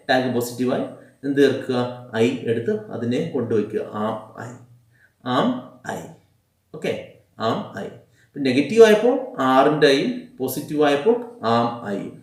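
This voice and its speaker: A man with a Malayali accent teaching English grammar, drilling examples slowly and asking the class questions. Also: medium pitch, a little mellow. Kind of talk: classroom-style grammar lesson. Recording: echoey room, a bit far from the mic.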